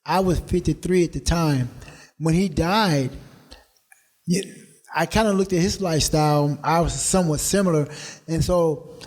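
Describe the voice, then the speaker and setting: A man in his late fifties or older, a podcast guest telling his personal story in an earnest, measured way. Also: fairly high pitch, a little mellow. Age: late 50s or older.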